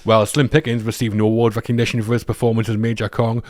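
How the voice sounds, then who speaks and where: A man's voice: medium pitch, level tone, fast, a little mellow, no echo. A man hosting a film podcast, leading the talk and reading set-ups from his notes. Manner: leads the segments, reads from notes. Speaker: podcast host. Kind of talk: casual film discussion.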